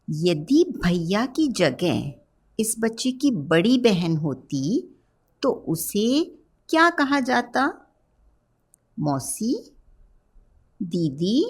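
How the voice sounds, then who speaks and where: A woman teaching a primary-school class, speaking gently and asking the children questions. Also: mid-range voice, very animated, very slow, pauses often, breathy edge. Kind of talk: children's lesson narration.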